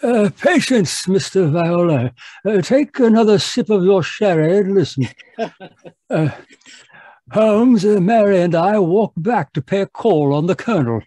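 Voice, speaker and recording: Guy doing a friendly doctor sidekick telling an old radio mystery, husky, chatty, no room echo. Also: high-pitched, animated, unhurried, mellow. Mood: cheerful. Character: genial, inquisitive doctor, detective's friend John Watson. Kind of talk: old-time radio mystery acting and narration.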